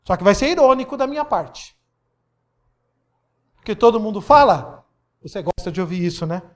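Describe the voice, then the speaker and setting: A middle-aged man with a Brazilian accent preaching a sermon, reading Bible verses and acting out the speakers with sudden loud bursts and leaps in his voice. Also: sits high, sing-song, moderate pace. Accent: Brazilian Portuguese. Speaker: pastor.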